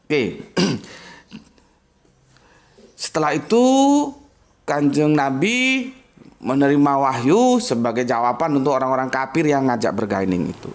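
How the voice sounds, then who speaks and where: A man's voice: mid-range voice, very animated, measured pace, pauses often. A man giving a casual religious lesson, emphatic and full of rhetorical questions and spoken examples. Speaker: Islamic teacher.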